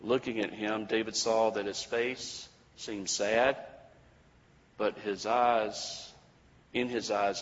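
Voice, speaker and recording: A male preacher telling a sermon story in a measured way, with dramatic pauses. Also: lowish voice. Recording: dull lo-fi recording with long hall reverb.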